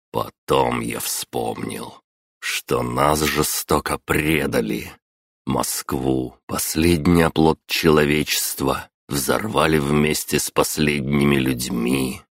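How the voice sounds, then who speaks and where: A man reading a first-person fantasy audiobook in a grave, measured storytelling manner. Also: rumbling low, steady tone, vocal fry, dry recording, studio quality. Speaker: audiobook narrator.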